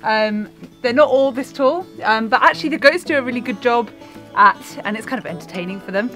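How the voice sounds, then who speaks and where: A young woman hosting a farm vlog, talking in a relaxed, thoughtful way with plenty of fillers, filmed outdoors and in a goat shed. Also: a little high, a little fast, soft background music. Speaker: farmer and vlog host.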